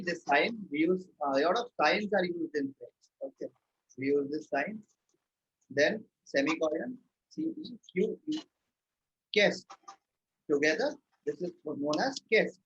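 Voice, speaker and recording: A young man with an Indian English accent teaching a live language lesson, patiently repeating words and checking in with "right?" and "okay". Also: high-pitched. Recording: dull lo-fi stream audio with faint noise.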